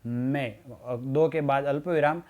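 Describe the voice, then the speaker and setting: A male teacher giving a recorded school lesson, explaining in a slow, deliberate way and repeating phrases. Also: on the high side, steady tone, a little mellow.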